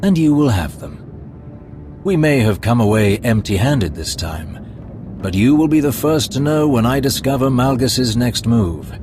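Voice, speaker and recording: Over a music score, an actor performs an Imperial spymaster advisor for a video game cutscene in a mid-range, expressive voice that is only lightly acted. The character comes across as formal, deferential, courteous, and reserved, speaking deliberately.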